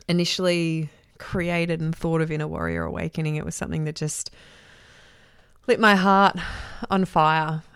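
A transformation coach hosts her own podcast solo, speaking effusively and often repeating herself for emphasis. Her low voice has gone husky from a week-long cough, captured in studio quality with no echo.

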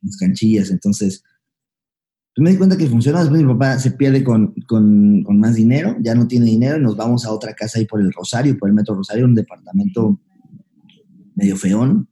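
A young Mexican man recounts his past in quick, tumbling speech, slipping into slang and acting out what people said. His voice sits very dark and low in color. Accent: Mexican Spanish. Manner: fast, slangy, acts out past dialogue. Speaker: guest, comedian. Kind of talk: candid storytelling interview.

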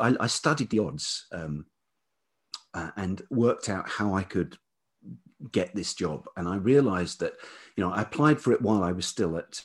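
Deep and slightly rough, yet described as velvety, this voice belongs to a man in his fifties. He is a writer and producer appearing as an interview guest, reflecting on his life hesitantly and thoughtfully in an autobiographical chat.

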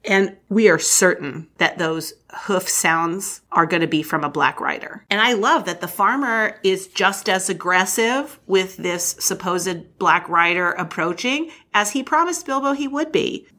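A woman's voice: lowish voice, lively intonation, measured pace, few pauses, bright, forceful tone. A woman co-hosting a podcast, chatting casually and enthusiastically about a book, laughing often. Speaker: podcast co-host.

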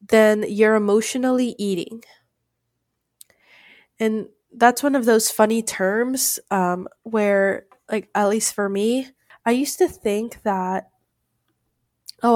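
A woman's voice: mid-range voice, a little mellow, dry recording, studio quality. A woman speaking in a casual, chatty way straight to her listeners, often saying "like" and explaining directly and reassuringly. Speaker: weight-loss vlogger. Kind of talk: casual solo talk to camera.

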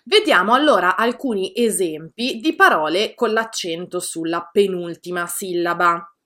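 A woman teaching pronunciation in a scripted lesson, reading example words out slowly and deliberately. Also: on the low side, lively intonation, bright, forceful tone. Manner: slow, careful, reads out example words deliberately. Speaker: Italian teacher.

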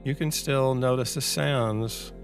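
A man giving a reflective guided mindfulness talk in a measured, unhurried way, with pauses between short phrases. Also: mid-range voice, soft background music. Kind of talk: slow guided meditation, reflective talk on anxiety.

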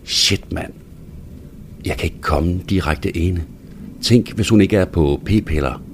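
A man reading a first-person story aloud in a hushed, intimate manner that sometimes drops to a whisper. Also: low-pitched, a little hiss or hum. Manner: hushed, intimate delivery, dropping to a whisper at times. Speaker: narrator.

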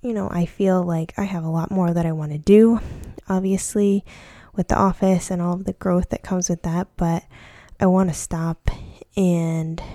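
A woman in her twenties, an orthodontic resident, reflecting on her week in a thoughtful personal vlog with many pauses and fillers. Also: on the low side, dark tone, dry recording, clean studio sound. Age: 20s.

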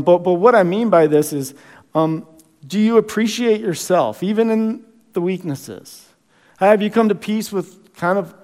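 A man's voice: high voice, darkish tone, long reverb tail. A man preaching a sermon as pastor, earnest and conversational, often restarting his words. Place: church sanctuary.

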